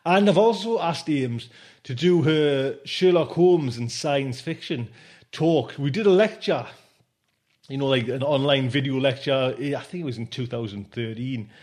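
This podcast host is a man with a medium-pitched, somewhat dark voice who speaks at a measured pace. He rambles casually and informally, sprinkling in conversational tag phrases.

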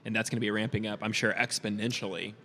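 A man's voice: lowish voice, fairly even intonation, fast talker, sharp tone, slight background noise. A man with a Texan accent hosting a podcast, asking questions in a friendly, joking way and chiming in often. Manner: friendly, joking, frequent backchannels. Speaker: podcast host. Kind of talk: casual conversational interview.

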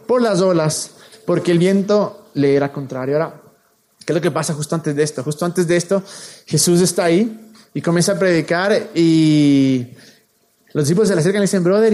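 A man preaching a casual, slang-filled sermon, retelling a Bible story with lively acted-out quotes. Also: sits high. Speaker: youth pastor.

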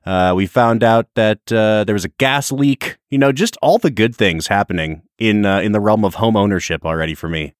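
A man's voice: fairly low pitch, normal speed, hardly any pauses, clear, resonant tone, dry recording, clean studio sound. A man co-hosting a film podcast in casual, conversational chat, recording from a makeshift space at home. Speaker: podcast co-host.

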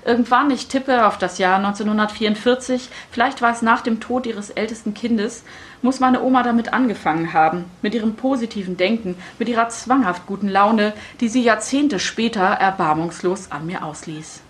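A middle-aged woman author reading her own prose to a live audience. Her delivery is wry and deadpan, with a self-mocking edge in an even, middle voice. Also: medium pitch, moderate pace.

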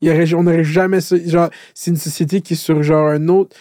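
A man with a Québécois accent chats bluntly, swearing and dropping in English slang. His voice is mellow and warm, a touch higher than most men's. The recording is dry and close. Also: flat delivery, a little fast, no echo. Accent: Québécois French. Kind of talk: casual chat.

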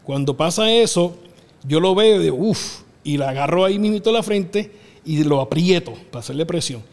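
Excitable Puerto Rican man, reverberant room. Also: on the high side, a little fast. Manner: excitable, acts out voices, laughs often. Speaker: wrestling show booker. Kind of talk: animated storytelling interview.

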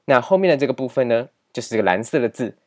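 A man's voice: mid-range voice, lively intonation, fast talker. A man teaching a grammar lesson over slides, explaining patiently and repeating key points with many filler particles. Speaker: language teacher.

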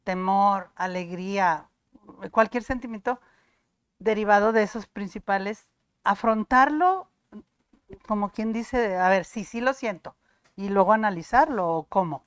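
A woman hosts a talk show, chatting easily and drawing on stories from her own home. Her pitch sits in the middle of the usual range, and the studio sound is close and dry. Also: measured pace, smooth, no echo. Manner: conversational, recounts personal anecdotes. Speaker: host.

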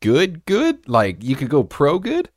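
A man's voice: on the high side, wildly swooping pitch, dry recording, clean studio sound. A man in his twenties hosting a casual podcast interview, chatty and full of fillers like "like" and "you know". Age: 20s. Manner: chatty, filler-heavy, quick to laugh. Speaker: podcast host.

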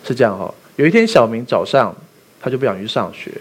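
Male pastor, husky, very lively intonation, joking sermon style. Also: mid-range voice, fast talker. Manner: animated, asks the congregation rhetorical questions, tells jokes.

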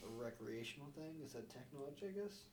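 Sleepy man who swears a lot, lively pitch, echo with voices chattering behind. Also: fast. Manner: drowsy, swears casually. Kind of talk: casual chat. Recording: echoey room with chatter behind.

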